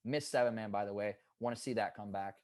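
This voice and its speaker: A man's voice: lowish voice, fast talker, a little mellow, dry recording. A man in his twenties, a guest on a casual podcast interview, telling stories in an earnest, upbeat, hyped way. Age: 20s. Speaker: guest, pro paintball player.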